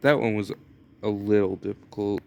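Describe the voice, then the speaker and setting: A young U.S. gamer talks through a mobile game in a casual, meandering way, full of hesitations and filler words. His lowish voice is gravelly yet warm, level in tone and at normal speed, with a little background noise present.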